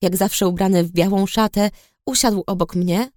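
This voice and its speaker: A woman reading a novel aloud in first person, in a subdued, low-key storytelling manner. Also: steady tone, normal speed, a little mellow, no room sound, clean studio sound. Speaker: audiobook reader. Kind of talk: first-person scripted narration.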